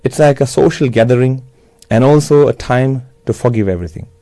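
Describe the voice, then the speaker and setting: A man with a Sri Lankan accent speaks in a mellow, relaxed tone, close and dry. He delivers a religious address in measured, simple phrases, like a teacher explaining step by step. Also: medium pitch, no room sound. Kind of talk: religious talk, New Year address.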